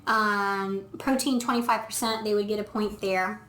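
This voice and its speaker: A woman's voice: mid-range voice, fairly even intonation, moderate pace, sharp tone. A woman veterinarian casually reviewing dog food on camera, explaining step by step as she thinks aloud with frequent ums. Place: indoor room, filming herself. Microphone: camera mic. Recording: echoey room.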